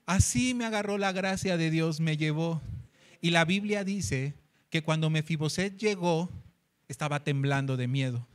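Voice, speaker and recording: A man with a Mexican Spanish accent preaching a sermon, acting out dialogue with lively voices and sometimes singing a hymn. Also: on the high side, unhurried. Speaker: pastor. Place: church meeting hall.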